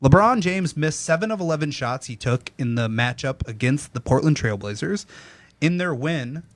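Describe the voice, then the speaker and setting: A man's voice: a little high, lively intonation, normal speed, dry recording. A young man hosting a casual sports podcast, reading headlines aloud and teasing his co-hosts between items. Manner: reads news items then riffs, teasing.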